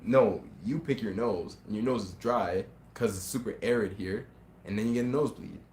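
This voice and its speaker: Male co-host, lowish voice, teasing and slangy, casual stories, roomy echo. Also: moderate pace, a little mellow. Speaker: podcast co-host. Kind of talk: casual banter and storytelling. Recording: echoey room, faint noise.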